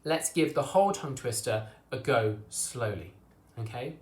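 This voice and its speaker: A man teaching an online drama class for children, encouraging and reassuring as he drills tongue twisters slowly. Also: mid-range voice, animated, a little mellow. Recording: echoey room.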